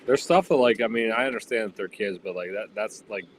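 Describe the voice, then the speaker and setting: A man's voice: on the low side, fast, a little hiss or hum. A man talking casually, rambling with lots of fillers. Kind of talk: casual chat.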